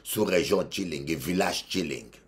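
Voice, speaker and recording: A deep-voiced, unhurried Congolese bishop from the Democratic Republic of the Congo preaches a sermon in Congolese-accented French. He is emphatic, swinging between loud exhortation and quiet asides and repeating phrases.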